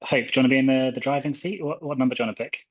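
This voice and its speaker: A man's voice: mid-range voice, racing. A man hosting a casual chat, joking and playful with his guests. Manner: playful, joking and laughing along. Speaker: host. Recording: dull lo-fi sound.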